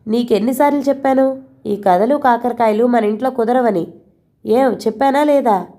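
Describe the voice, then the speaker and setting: A woman plays a stern, thundering father-in-law, angry and commanding as he scolds his daughter. The voice stays mellow in tone but is pitched up and pushed with force, a household tyrant from a spoken storybook. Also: normal speed, natural voice.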